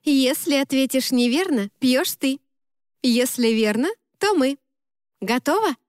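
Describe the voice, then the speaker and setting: A woman voicing a lively, bossy young woman who teases her friends in an audiobook. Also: sits high, measured pace, dry recording, clean studio sound, voice pushed up. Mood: playful. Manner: exclaiming, brash, mock-scolding.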